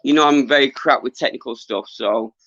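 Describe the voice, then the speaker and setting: A middle-aged man who is losing his voice, chatting casually to viewers on a livestream in an earnest, halting, rambling way. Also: medium pitch, a bit bright, dry recording. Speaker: livestream host, former boxer. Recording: dull lo-fi livestream audio.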